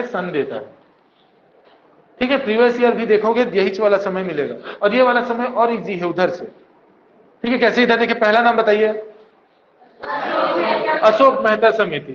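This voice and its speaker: A man's voice: high-pitched, noisy background. A man teaching a coaching class, drilling students with mnemonics in call-and-response. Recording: dull echoey classroom recording.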